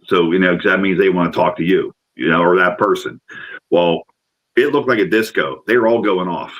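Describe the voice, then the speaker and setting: A man's voice: low-pitched, a little fast, rough recording. Man telling a rambling ghost story. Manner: rambling, excitable, repeats words. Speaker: paranormal investigator guest. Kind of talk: casual storytelling.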